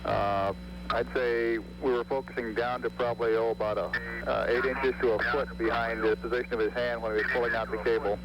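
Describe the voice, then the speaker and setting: A man at mission control talking over a breaking-up space radio link, measured and hesitant with fillers, in terse radio style. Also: medium pitch, flat delivery. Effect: breaking-up space radio transmission. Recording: crackly lo-fi radio link with heavy static.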